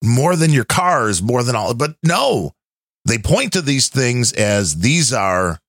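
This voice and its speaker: A man hosts a casual podcast chat at a middling pitch. His delivery is lively, with plenty of rise and fall, and it is recorded close and dry with no room sound. He builds loose, skeptical explanations as he talks. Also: slow pace, dry recording. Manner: conversational, skeptical, wandering explanations. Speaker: podcast host.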